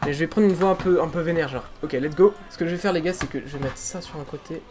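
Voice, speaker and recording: Un jeune homme youtubeur, bavard et autodérisoire, qui explique son doublage amateur au micro de bureau, chez lui le soir. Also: male voice, a little high, fast talker. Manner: chatty, self-deprecating, excited. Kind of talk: casual amateur dubbing vlog. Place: room at home, late at night. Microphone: desk microphone.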